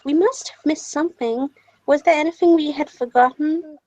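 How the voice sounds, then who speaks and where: Woman on a gaming stream, casual chat, high bouncy pitch, dry close mic. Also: moderate pace, warm tone, dry recording, rough recording. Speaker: guest player on a stream. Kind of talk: casual chat, commentary on a game.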